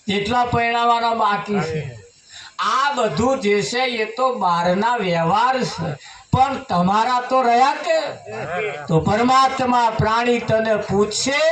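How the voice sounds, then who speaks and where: A man preaches slowly in a high voice, firing questions at his listeners and coaxing answers out of them. His voice is picked up from far off in an echoey space, under the loud hum of a large gathering. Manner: asks the crowd questions and prompts replies. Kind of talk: village sermon with sung verses. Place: village devotional gathering with a crowd. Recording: echoey, distant mic, loud crowd.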